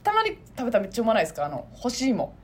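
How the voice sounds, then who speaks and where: A woman's voice: a little high, husky. A woman with a Kansai accent co-hosting a casual chat podcast, reading out listener gifts and mail. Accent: Kansai Japanese. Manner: animated, quick, reads out listener gifts and mail. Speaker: podcast co-host.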